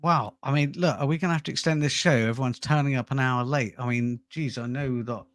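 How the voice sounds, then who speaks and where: A man's voice: mid-range voice, brisk, dry recording. Rambling playful man hosting a comedy stream. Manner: rambling, playful wordplay, stammering restarts. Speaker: comedy show host. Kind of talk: casual banter.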